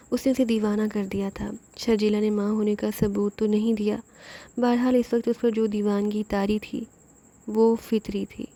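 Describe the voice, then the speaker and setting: A woman reading a suspense novel aloud as an audiobook narrator, with steady dramatic delivery. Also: medium pitch. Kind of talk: storybook narration of a spy novel.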